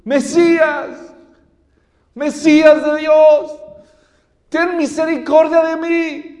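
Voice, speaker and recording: A preacher acting out a desperate blind male beggar who cries out for mercy in loud pleading shouts. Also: very high voice, flat delivery, very slow, pitched above the performer's own voice, exaggerated voice. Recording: reverberant hall.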